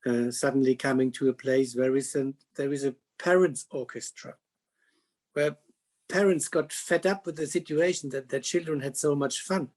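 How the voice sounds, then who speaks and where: A man moderating a panel talk, speaking haltingly with many restarts and slightly non-native phrasing. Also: mid-range voice, steady tone, darkish tone.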